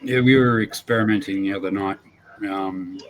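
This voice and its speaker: A man co-hosting a casual stream chat, telling things at length with many pauses and ums. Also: low-pitched, fairly even intonation, poor audio. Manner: rambling, hesitant, many ums.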